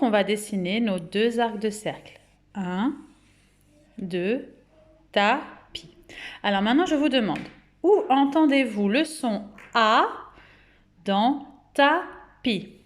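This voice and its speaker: A woman with a French accent giving a phonics lesson to young children at home, speaking patiently and clearly and drawing out each word's syllables. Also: a little high. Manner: slow, clear, patient, syllables drawn out and repeated. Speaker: kindergarten teacher.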